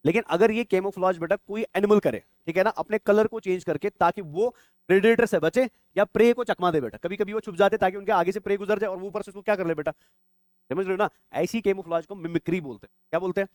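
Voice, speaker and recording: A man's voice: high-pitched, fast, no echo. A young adult man teaching biology for exam prep, constantly quizzing his students and calling them "beta". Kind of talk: exam-prep classroom lecture.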